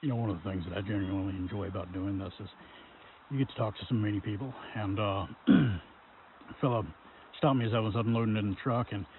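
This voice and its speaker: A man's voice: lowish voice, fast talker. A man, talking casually and politely to the camera by a river. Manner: easygoing, polite, chatty with a few fillers. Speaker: outdoor vlogger. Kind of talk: casual vlog talk. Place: outdoors by a river. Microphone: camera held at arm's length. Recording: tinny phone-like sound, faint outdoor noise.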